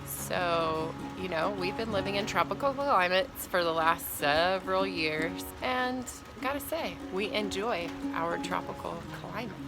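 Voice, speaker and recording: Slow, gravelly woman with music behind. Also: lowish voice, lively intonation. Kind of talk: casual vlog talk.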